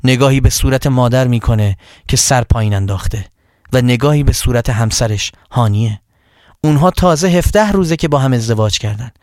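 A man narrating a story for children, addressing them directly with an expressive, measured delivery. His voice sits at a middle pitch, and the recording is dry and close. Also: no room sound.

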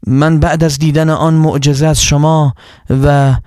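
A man's voice: a little high, little pitch movement, clear, resonant tone, no echo, studio quality, natural voice. A man voicing a bold young warrior, proclaiming. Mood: earnest. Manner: loud, proclaiming. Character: bold young man proudly announcing himself.

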